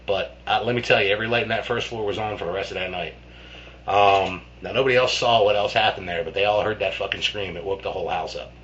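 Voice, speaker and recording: Quick and fairly bright, a lowish male voice rambles through a spooky story from when he was a kid, cursing casually and restarting sentences amid plenty of fillers. A faint hum sits beneath the dull, lo-fi sound.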